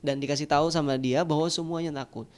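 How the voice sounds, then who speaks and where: A man's voice: fairly high pitch, fairly even intonation, fast, darkish tone. A man who is a children's storyteller, explaining in a podcast conversation. He talks animatedly and uses sound effects.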